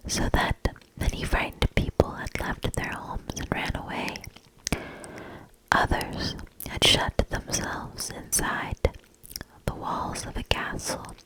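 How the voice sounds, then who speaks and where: A woman's breathy ASMR whisper carries a storybook reading, soft and deliberate, with pauses drawn out between short phrases. The recording is rough.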